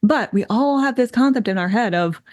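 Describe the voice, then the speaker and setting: A woman co-hosting an advice podcast, chatting casually in an upbeat, emphatic way and quick to agree. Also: a little high, animated, a little mellow, no echo. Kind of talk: casual chat.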